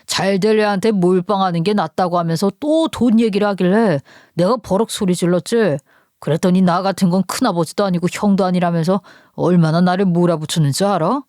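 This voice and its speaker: A woman's voice: fairly low pitch, fairly quick, darkish tone, no room sound, clean studio sound, natural voice. A woman voicing an angry middle-aged husband who grumbles in exasperation. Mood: aggrieved.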